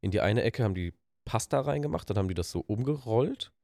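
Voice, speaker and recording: Low-voiced man with a lively, bouncing delivery. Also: no room sound. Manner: lively, rushes through stories. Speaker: podcast co-host. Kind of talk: casual chat.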